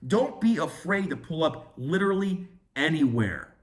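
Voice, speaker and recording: A young man, a dating coach, telling a brash, profane story in an animated vlog style. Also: on the high side, moderate pace.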